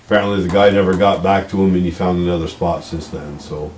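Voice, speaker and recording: Low voiced guy giving casual update at town meeting, echoey, bit noisy. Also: fairly even intonation, fast talker, darkish tone. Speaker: village official giving a report. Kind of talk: informal spoken report at a meeting. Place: indoor village board meeting room. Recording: roomy, distant mic with background noise.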